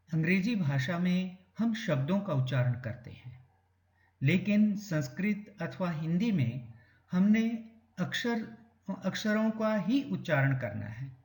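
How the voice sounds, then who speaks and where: Male schoolteacher, unhurried and patient, slightly high voice, classroom lesson recorded in a reverberant room. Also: a little mellow. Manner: patient, repeats words slowly to drill pronunciation. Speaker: Sanskrit teacher. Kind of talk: classroom lesson explaining to children.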